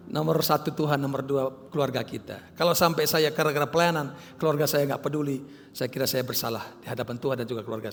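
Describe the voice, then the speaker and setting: A middle-aged man preaching as pastor, swinging between loud calls and quiet asides. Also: medium pitch, a little hiss or hum. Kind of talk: sermon. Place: church hall. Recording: long hall reverb.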